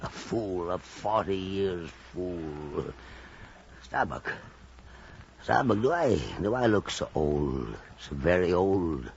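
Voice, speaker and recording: An actor playing a weary, obsessed old whaling captain in a theatrical, halting old time radio drama style. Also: male voice, sits low, animated, gravelly, darkish tone, full character voice. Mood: weary, brooding. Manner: theatrical, halting, repeating phrases. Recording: muffled, noisy old radio drama recording.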